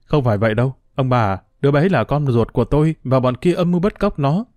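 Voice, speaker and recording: A man's voice: mid-range voice, expressive, quick pace, darkish tone, dry recording, natural voice. A man voicing a young father searching for his kidnapped child, earnest and restrained, pressing with questions.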